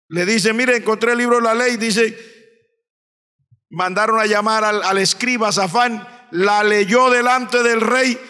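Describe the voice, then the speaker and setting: Colombian Spanish-accented male pastor, fervent sermon, high ringing voice, long church reverb. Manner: swings from quiet reading to shouted, high-pitched preaching. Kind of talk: Pentecostal sermon. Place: church sanctuary.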